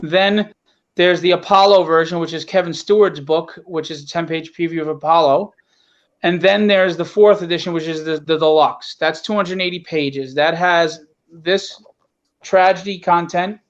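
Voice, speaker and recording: A guest comic book creator with a notably high voice casually promotes his own work at a moderate pace. He's emphatic and repeats short phrases, and the audio sounds dull and lo-fi, like a phone call.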